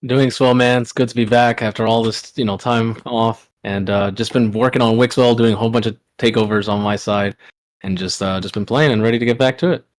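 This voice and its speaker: A man's voice: medium pitch, steady tone, brisk. A man from New York, a guest on a casual stream, giving easygoing, brief answers. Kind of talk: casual chat.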